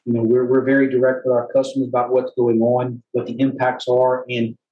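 A man giving an off-the-cuff presentation in front of an audience as a utility executive, halting and often repeating words as he goes. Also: medium pitch, completely flat delivery, muffled recording. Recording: echoey room with faint background noise.

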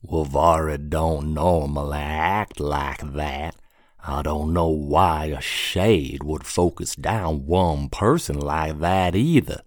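A serious, brooding man in an audiobook, speaking very low and drawn-out, weighing each word, as a narrator puts him on. His voice is deep and drawled. The sound is close and dry. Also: no room sound. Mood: grave. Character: serious, thoughtful man, slow-spoken.

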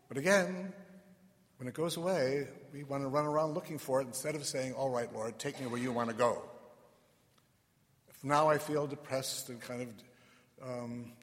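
A male priest reading the gospel and giving a measured, reflective homily, heard with a long church echo. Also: mid-range voice. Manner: measured and reflective, with soft trailing asides. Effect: long cathedral-like church echo. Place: large church. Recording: echoey church hall reverb.

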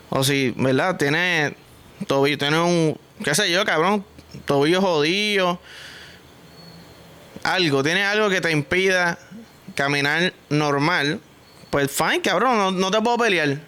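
A man with a Puerto Rican accent rants through a casual comic vlog, crude and joking, heavy on slang. His voice is fairly high, bright and very clear. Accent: Puerto Rican Spanish. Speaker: vlogger host.

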